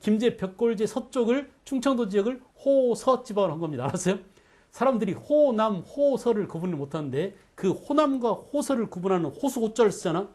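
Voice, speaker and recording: A man teaching an exam-prep history lecture, animated, constantly checking in with students through quick questions. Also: high voice. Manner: animated, asks the class frequent quick questions.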